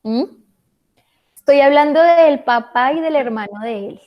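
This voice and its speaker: Woman, English teacher, patient online class, quizzes students, fairly high voice. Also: animated, a little slow, muffled recording. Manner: patient, checks understanding with questions.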